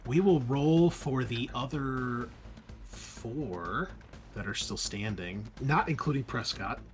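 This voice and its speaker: A man with a mid-range voice speaks slowly as a game master, narrating a tabletop roleplaying game and explaining its rules. His style is informal and sweary. Background music plays behind him.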